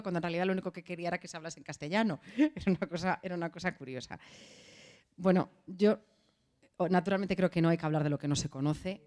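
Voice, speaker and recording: A woman's voice: sits low, a little mellow. A woman from Galicia speaking as a panelist in a round-table debate, earnest and repeating phrases for emphasis. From Galicia, Spain.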